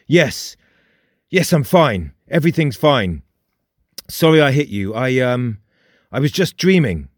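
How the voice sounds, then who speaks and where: A nervous young man who has just seen a ghost stumbles over his words, as a male narrator plays him in a storybook reading. His voice sits slightly higher and louder than the reader's own. The recording is close and dry. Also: expressive, normal speed, no echo. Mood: flustered. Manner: flustered, stammering apologies.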